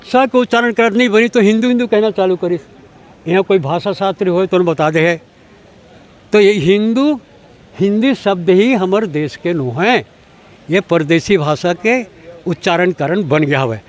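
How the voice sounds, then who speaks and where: A man's voice: high-pitched, moderate pace. An older man with a Chhattisgarhi accent, answering an interview in an emphatic, lecturing way, asking rhetorical questions as he argues. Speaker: language activist.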